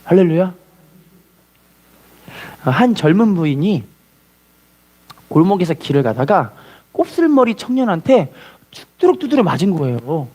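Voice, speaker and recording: A man preaching a sermon as a pastor, telling a story with lively call-and-response. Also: high voice, measured pace, long pauses.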